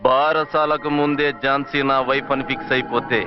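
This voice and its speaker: An actor playing an angry, rough thug boss who barks orders gruffly, in a film comedy scene. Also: male voice, mid-range voice, little pitch movement, a little fast, lightly acted. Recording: muffled film soundtrack with loud music.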